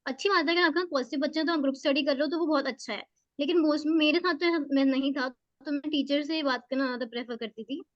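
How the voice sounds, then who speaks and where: A high, youthful woman's voice gives earnest, repeated advice, stressing each point as she goes. The sound is dull and bone-dry, with no room around it. It sounds like audio from an online call. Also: quick pace, dry recording. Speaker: exam topper guest. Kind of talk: interview answers, casual advice.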